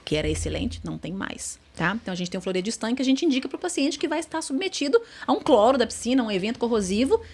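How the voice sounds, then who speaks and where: A woman's voice: fairly high pitch, big pitch swings, very fast, hardly any pauses, darkish tone, breathy edge. A Brazilian woman speaks as a dentist guest on a casual podcast. She explains things patiently, leaning on everyday examples and repeating her key points for emphasis. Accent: Brazilian Portuguese.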